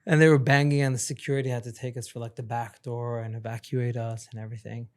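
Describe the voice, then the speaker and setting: A man from Sweden sits as a guest on a podcast and tells his childhood stories. His voice sits at an ordinary male pitch, and he speaks in an animated way, laughing often between lines. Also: fast talker. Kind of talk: casual interview chat.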